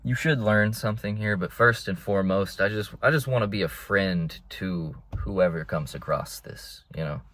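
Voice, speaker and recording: A man's voice: fairly low pitch, moderate pace, few pauses, a bit bright. A young man vlogging from inside a car, rambling in a laid-back way and calling his listeners bro. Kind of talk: casual rambling monologue.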